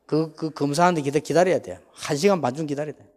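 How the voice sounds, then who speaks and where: A man, preaching a sermon and telling a personal story in a rambling, animated way with many asides. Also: on the high side, fast talker, long reverb tail. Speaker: pastor.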